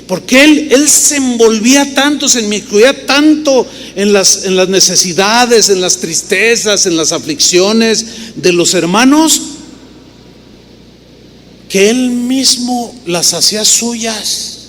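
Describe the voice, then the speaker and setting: A man's voice: high voice, takes it slowly, fairly bright tone. Mexican man voicing a grieving pastor's daughter. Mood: earnest. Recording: reverberant hall with faint noise.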